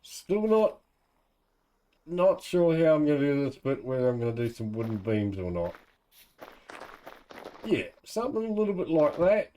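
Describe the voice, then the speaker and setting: A man's voice: on the high side, sing-song, normal speed, long pauses, mellow, rough recording. A man with a New Zealand accent giving casual, laid-back gameplay commentary, thinking aloud in colloquial speech. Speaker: gamer narrating own let's play.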